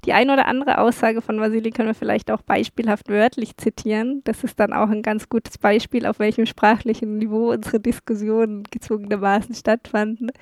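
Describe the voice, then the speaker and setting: Woman vlogger, kinda high voice, chatting about a train trip, dry close mic. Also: level tone, fairly quick, few pauses, a little mellow, no echo. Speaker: travel vlogger. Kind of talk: travel story narration.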